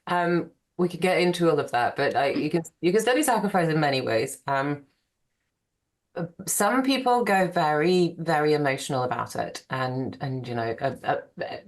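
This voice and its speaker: Guest archaeologist, woman, very low pitch, relaxed rambling talker. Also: normal speed. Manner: chatty, rambling, laughs easily. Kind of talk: conversational podcast interview.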